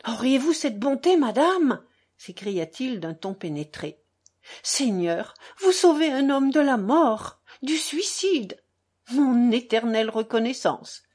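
A woman's voice: a little high, very animated, slow pace, a little mellow, slightly rough, exaggerated voice. A woman reading as a feverish, desperate young man. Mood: fervent. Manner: urgent, pleading, fervent.

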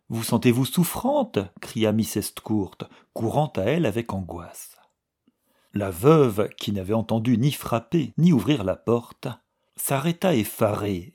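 Man, audiobook narrator, gravelly, husky voice, measured reading. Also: on the low side, darkish tone. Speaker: audiobook reader. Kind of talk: scripted novel narration.

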